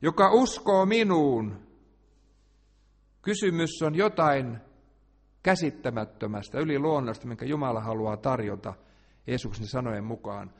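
A man preaching a sermon, swinging between quiet, hushed asides and loud, emphatic declarations. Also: medium pitch, pauses often, in a large hall.

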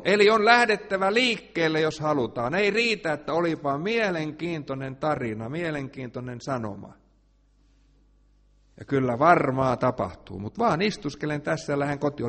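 A man preaching a sermon, swinging between quiet, hushed asides and loud, emphatic declarations. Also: mid-range voice, in a large hall.

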